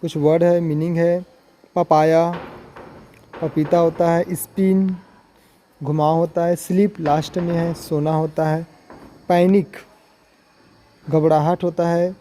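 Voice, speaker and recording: A man's voice: on the high side, little pitch movement, normal speed, few pauses, dark tone, slight background noise. A man teaching English pronunciation in a video lesson, going through words one by one with their meanings and repeating points as he explains.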